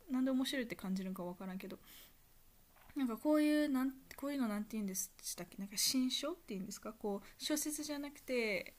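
A young woman with a Kansai accent, talking casually on her own podcast in a soft, rambling way full of fillers. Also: medium pitch. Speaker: podcast host. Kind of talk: casual solo monologue.

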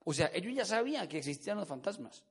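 A man preaching a sermon, telling the story in an animated way and having the congregation repeat words after him. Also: high-pitched, quick pace, slightly rough.

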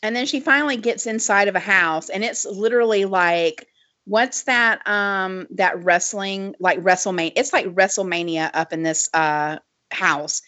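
A woman with a cackling laugh, co-hosting a casual chat podcast as an animated storyteller. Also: mid-range voice, unhurried, no echo. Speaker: podcast co-host. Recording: slightly dull lo-fi audio.

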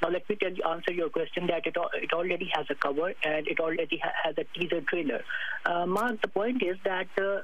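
A man's voice: high-pitched, steady tone, fast talker, highs cut off. A man with a Pakistani accent giving a promotional interview as a guest author, repeating his phrases and talking himself up in the third person.

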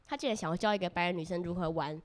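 A young woman from Taiwan with a Taiwanese Mandarin accent, chatting as a podcast guest, animated and talkative, laughing often. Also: fairly low pitch, rapid-fire. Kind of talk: casual chat.

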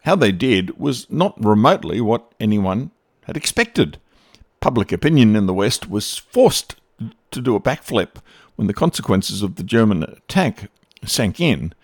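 A man giving scripted history narration with an expressive, storytelling delivery. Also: lowish voice, a little slow, dry recording, clean studio sound.

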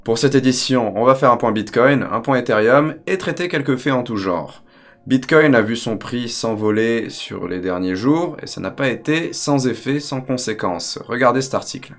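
A man's voice: medium pitch, lively intonation, moderate pace, faint music behind. A man hosting a weekly crypto news bulletin to camera, delivering headlines with joking asides in an upbeat presenter manner. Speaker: crypto news show host.

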